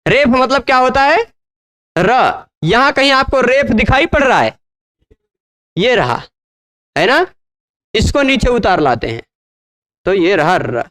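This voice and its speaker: Guy teaching grammar, super slow and patient, smooth clear voice, keeps asking if you got it. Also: very high voice, very animated, a bit bright. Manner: patient, repeats syllables and checks understanding often. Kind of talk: slow classroom lecture.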